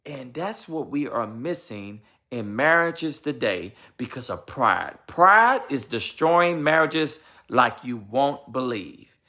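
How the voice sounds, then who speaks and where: A man's voice: medium pitch, sing-song, takes it slowly, bright, forceful tone. A man giving marriage advice in a vlog, talking in an emphatic, repetitive, sermon-like way and addressing his viewers directly. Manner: addresses viewers and asks his wife for confirmation. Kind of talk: preachy casual talk.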